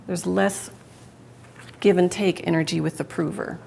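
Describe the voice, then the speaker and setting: A woman's voice: on the low side, fairly even intonation, measured pace, vocal fry, a little mellow, slight background noise. A woman giving a live public speaking talk to an audience, chatty and conversational, often restarting and correcting herself mid-sentence.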